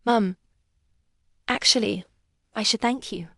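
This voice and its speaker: A woman's voice: on the high side, takes it slowly, creaky, fairly bright tone, no room sound, studio quality, full character voice. Woman reading a cold, gloomy husband. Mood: bitter.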